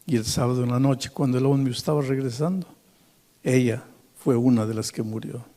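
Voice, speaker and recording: A male pastor preaching a storytelling sermon. His voice swings dramatically from hushed to loud. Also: mid-range voice, a little fast.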